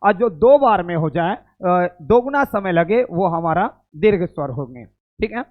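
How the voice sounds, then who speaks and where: Slow, repetitive male grammar teacher. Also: high-pitched. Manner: repetitive, drilling students aloud; uses cricket analogies. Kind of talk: grammar lesson. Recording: tinny phone-like recording.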